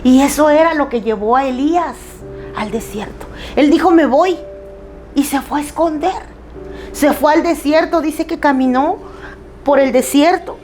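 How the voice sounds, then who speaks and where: Woman preacher, high voice, loud and emphatic, candid and self-mocking, faint music underneath. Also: moderate pace. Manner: loud, emphatic and plain-spoken; candid, with self-deprecating humor. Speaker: preacher at a women's church group. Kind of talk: sermon.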